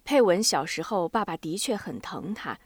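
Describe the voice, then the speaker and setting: A woman narrates a novel in an expressive storytelling manner. Her pitch moves a lot from phrase to phrase, rising and falling. The recording is dry and close, with no echo. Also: moderate pace. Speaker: audiobook reader.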